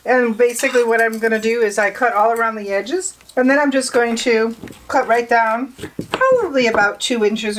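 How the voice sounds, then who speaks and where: A woman's voice: on the high side, background noise. Homey woman explaining a bake. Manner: relaxed, homey step-by-step explaining. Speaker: home cooking show host. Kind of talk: casual cooking demonstration. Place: home kitchen. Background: clinking dishes and pans.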